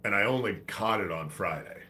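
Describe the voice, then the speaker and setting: A man's voice: lowish voice, lively intonation, brisk, pushed and bright, a little hiss or hum. A man hosting a live stream while sick with a congested head cold, talking in a loose, rambling, profane way. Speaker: livestream host. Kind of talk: rambling casual livestream talk.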